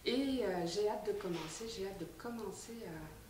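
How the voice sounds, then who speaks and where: A woman's voice: mid-range voice, normal speed, darkish tone. A woman in her forties, from France, answering interview questions in an earnest, composed way. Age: 40s. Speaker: volunteer manager. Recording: echoey room, far from mic, faint noise.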